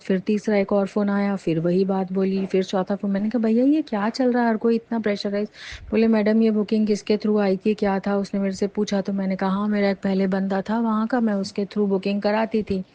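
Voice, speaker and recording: A woman earnestly retelling a personal devotional experience in a casual, animated way, with frequent fillers. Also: medium pitch, muffled recording. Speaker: devotee sharing a testimony.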